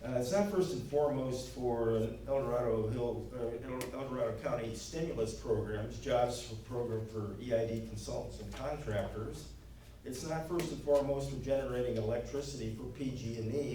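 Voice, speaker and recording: At a local candidate forum in a meeting hall, an earnest, plain-spoken man gives his closing campaign remarks, peppered with many "uh"s. His medium-pitched voice is soft and dark, captured from far away in a very echoey room with a faint hum.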